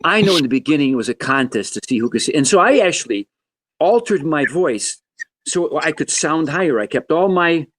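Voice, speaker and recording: A man in his seventies, a guest musician telling stories in a podcast interview in an animated, joking way. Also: brisk. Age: 70s. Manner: animated, joking, wide swings in pitch.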